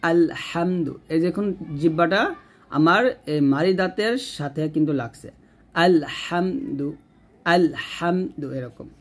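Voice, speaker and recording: A man teaching Quran reading, explaining rules patiently and drawing out slow recited examples. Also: high-pitched. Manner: patient step-by-step explanation, asks and answers own questions.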